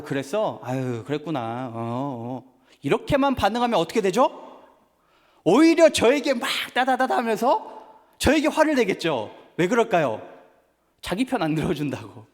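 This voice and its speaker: A man pastor preaching a sermon at a church service, animated and acting out family conversations. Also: sits high. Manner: animated, acts out family dialogues. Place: church sanctuary. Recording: reverberant church hall.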